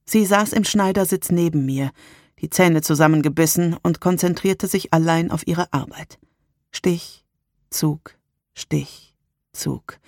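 A narrator reads a first-person story in a calm, measured way. The sound is dry and close, with no echo, and the pitch sits in a middle range.

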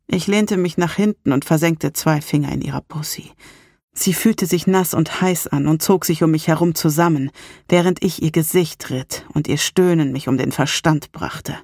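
A woman narrating a first-person erotic story in a calm, intimate reading style. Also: sits low, no echo, studio quality. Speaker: audiobook narrator.

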